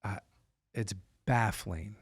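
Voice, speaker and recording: Telling a story from his own life on his podcast, a man speaks slowly in a husky, fairly low voice. He sounds emphatic and incredulous, stressing points by repeating words, and the recording has no echo.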